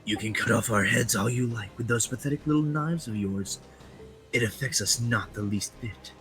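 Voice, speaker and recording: A man voicing an arrogant male spear-wielding villain who cannot die, in a put-on gravelly voice, for a fan reading of a game story. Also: mid-range voice, moderate pace, fairly bright tone, faint music behind, lightly acted, poor audio. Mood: mocking.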